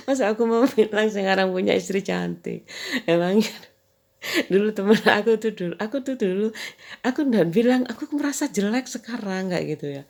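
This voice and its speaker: A woman's voice: medium pitch, creaky, darkish tone. A woman vlogger, chatting casually and rambling through a story, laughing often and repeating fillers.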